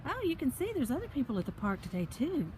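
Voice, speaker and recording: A woman hosting a children's story reading walks through a park, reading a picture book aloud and breaking off with chatty asides and questions for young listeners. She talks fast in a high voice with big pitch swings, over the noisy ambience of the outdoor walk.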